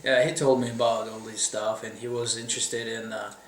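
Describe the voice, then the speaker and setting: A man's voice: medium pitch, little pitch movement, a little fast, recorded from a distance, a little hiss or hum. A man from Russia with a Russian accent, casually interviewing a friend and often restarting his sentences. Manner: hesitant, lots of fillers and restarts. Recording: echoey room.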